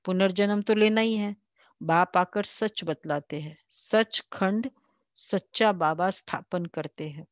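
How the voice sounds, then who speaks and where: An Indian woman giving a devotional class, slowly reading and explaining scripture, raising her voice when she quotes. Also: lowish voice, steady tone, no room sound, dull audio. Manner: slow, explanatory, quotes the Father in a raised voice. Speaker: spiritual teacher.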